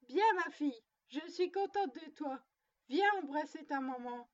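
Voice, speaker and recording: A woman's voice: high-pitched, expressive, measured pace, muffled recording. A woman voicing a little girl who scolds her doll in a stern, motherly way. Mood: scolding.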